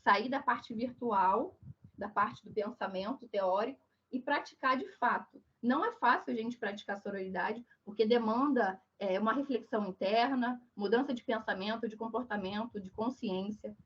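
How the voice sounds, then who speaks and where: Hoarse, duck-voiced Brazilian woman lecturing. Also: on the high side, moderate pace, a bit bright. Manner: didactic, frequent check-in tags. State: hoarse from flu, duck-like croaky voice. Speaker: lecturer giving a talk. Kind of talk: online lecture on social issues. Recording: dull, muffled online call audio.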